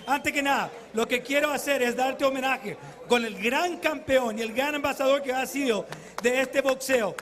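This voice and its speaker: A man doing a bilingual post-fight interview and interpreting, speaking emphatically and effusively. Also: extremely high pitch. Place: in the ring at an arena. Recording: loud arena crowd behind.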